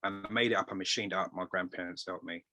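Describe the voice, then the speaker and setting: A middle-aged man, a tailor being interviewed, telling stories in a rambling, animated way and quoting voices. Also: deep voice, quick pace, no echo. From England. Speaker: guest tailor. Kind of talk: casual interview storytelling.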